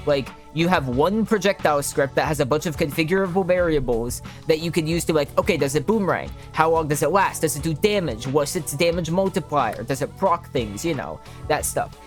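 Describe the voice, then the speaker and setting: Higher-voiced joking man talking game dev. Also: expressive, soft background music. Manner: joking, quick to laugh, casual "bro" banter. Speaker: indie game developer. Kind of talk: casual co-host chat about game development.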